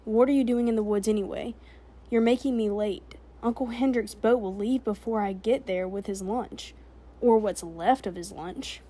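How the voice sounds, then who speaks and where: A woman voicing a quick-witted, stubborn young girl in a storybook reading, with a raised, chattering voice. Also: mid-range voice, dark tone, lightly acted. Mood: indignant.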